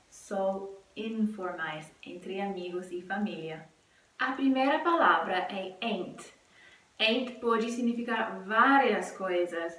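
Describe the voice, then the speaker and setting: A woman English teacher giving a casual video lesson, explaining clearly and friendly with example phrases. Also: mid-range voice, a bit bright, far from the mic. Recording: roomy sound, slightly off mic.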